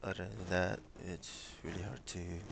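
A young man from Micronesia answering interview questions over a headset on a video call, hesitant and pausing with many fillers. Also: low voice, steady tone, creaky, noisy background. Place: small room with bookshelves, indoors.

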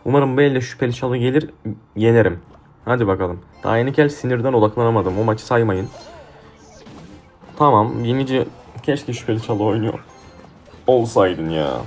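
A young male gaming YouTuber commentates on his own mobile game match, cursing heatedly and trash-talking the opponents. His voice is medium-pitched and fairly quick, with faint game music playing behind him.

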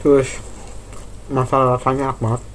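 A man's voice: mid-range voice, little pitch movement, a little fast, a little hiss or hum. A man in his thirties doing a casual food review, chatty and slangy, filming himself on a phone in a small indoor room. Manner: chatty, slangy, eating while talking. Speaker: food vlogger. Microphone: phone camera at arm's length.

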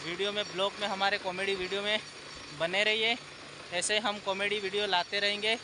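A man, talking loud and excitably to viewers as a village comedy vlogger on a farm field. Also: high voice, brisk, noisy background. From Dungarpur, Rajasthan. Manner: loud and excitable, shouting at the goats. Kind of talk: casual vlog talk to viewers. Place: outdoors on a farm field with goats.

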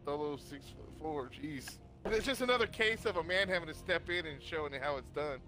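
A man's voice: on the high side, lively intonation, moderate pace, sharp tone, faint music behind. A man boasting and joking about getting the kill in a game.

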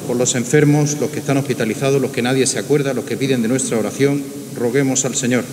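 A man's voice: mid-range voice, steady tone, quick pace. A man formally recites liturgical petitions clause by clause, in a cathedral echo. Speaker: reader of the prayer intercessions. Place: large church, indoors. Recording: cathedral echo, clearly hissy noise.

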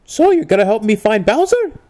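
A woman's voice: fairly high pitch, big pitch swings, a little fast, warm tone. A woman voicing an earnest, flustered male cartoon video game hero in an amateur comedic role-play, hesitant and exclaiming. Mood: resigned.

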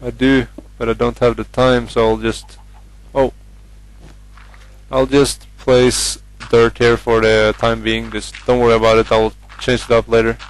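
Commentating on a game in Norwegian-accented English, a young gamer from Norway speaks unhurriedly at a medium pitch, his tone level and even. He's chatty but hesitant, with frequent ums and uhs, and the audio quality is poor.

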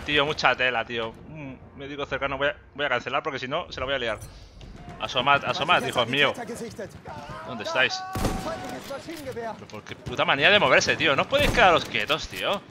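A man with a Spain Spanish accent giving joking, excitable gameplay commentary and swearing often. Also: medium pitch, background noise. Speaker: gaming YouTuber. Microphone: desk USB microphone. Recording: loud game gunfire behind. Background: gunfire and explosions from the game.

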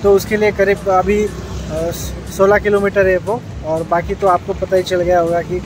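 A man's voice: high-pitched, flat delivery, moderate pace, noisy background. A man from Latur in Maharashtra, India, narrating his travel vlog in a casual, chatty way, explaining each stop as he goes. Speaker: travel vlogger. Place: on the road and outdoors in a village. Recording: music playing under the voice.

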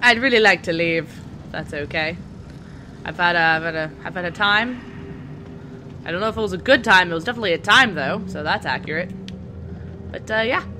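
A woman's voice: fairly low pitch, fast, noisy background. A young woman doing let's-play commentary, sarcastic, swearing and talking back to the game characters. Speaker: gaming channel host.

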